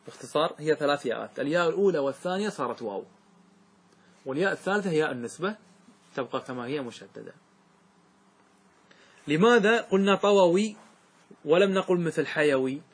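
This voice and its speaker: A middle-aged male scholar leads a grammar lesson in a somewhat high, husky voice. He keeps quizzing his students and repeats example words, drawing them out slowly. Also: animated. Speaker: religious scholar teaching grammar. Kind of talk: classroom lesson with questions to students.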